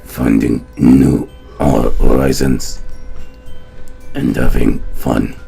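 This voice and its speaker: A man doing a gravelly, deep-voiced schoolgirl. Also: level tone, very slow, warm tone, faint music behind, heavily acted. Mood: mock earnest. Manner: mock-serious line reading. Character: schoolgirl club member, comically deep-voiced.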